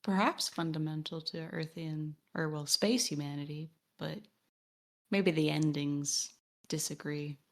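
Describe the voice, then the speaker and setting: Deep-voiced and steady, speaking a little slowly, a woman co-hosting a podcast discusses a video game, partly reading its text aloud and reasoning through it at length in an analytical way.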